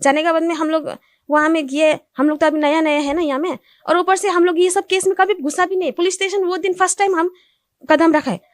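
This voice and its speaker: A young woman tells her account in simple, repetitive Hindi, her voice set high. She grows agitated and insistent. The sound is dry and close. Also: fairly even intonation, fairly quick, dry recording. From Assam. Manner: speaks Hindi with non-standard grammar, repeats "ऐसे बोला". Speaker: complainant interviewed. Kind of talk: recounting events to reporters.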